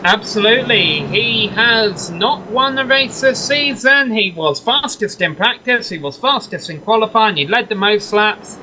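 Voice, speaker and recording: A man's voice: high-pitched, background noise. A man calling a sim racing broadcast as play-by-play commentator, chatty with wry asides. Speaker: race commentator.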